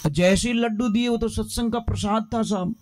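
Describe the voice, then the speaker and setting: A high-pitched male preacher with a Rajasthani accent tells a sermon as a folksy, humorous story. He drops into local dialect to voice his characters. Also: steady tone, fairly quick, a little mellow, dry recording.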